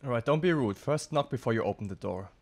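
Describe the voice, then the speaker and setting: A man's voice: medium pitch, animated, fast. A man with a German accent, a native German speaker from Germany, joking around in casual banter while playing a game with a friend. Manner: playful, jokey, calls his partner "sir". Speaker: game player.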